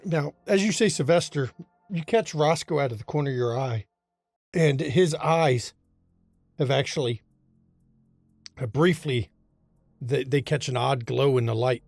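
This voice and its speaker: A man narrating a tabletop role-playing game as game master, in a descriptive, unhurried storytelling manner. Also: medium pitch, vocal fry, darkish tone, no echo, faint music behind.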